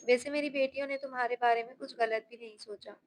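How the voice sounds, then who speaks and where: A playful young husband who teases his wife and daughters, as a woman reads him aloud. He jokes lightly, in a slightly high voice. The lines come from a narrated audiobook novel. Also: fairly even intonation, quick pace, a little hiss or hum, close to an everyday voice. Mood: teasing. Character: young married man, teasing and playful.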